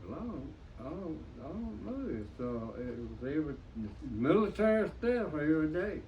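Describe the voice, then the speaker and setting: An elderly American man, a veteran remembering his service in an interview in a plain-spoken, halting, folksy way. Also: fairly high pitch, sing-song, darkish tone. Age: 90s. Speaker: WWII veteran being interviewed. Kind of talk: interview reminiscence. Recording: dull lo-fi sound with faint noise, distant mic.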